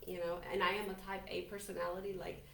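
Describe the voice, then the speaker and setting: In a quick, lowish, fairly bright voice with little pitch movement, a Colombian native Spanish speaker in her forties shares her life story on a podcast. She is a business owner, and she comes across as talkative, upbeat, and sure of herself in the relaxed interview. The off-mic recording sounds roomy with a faint hiss.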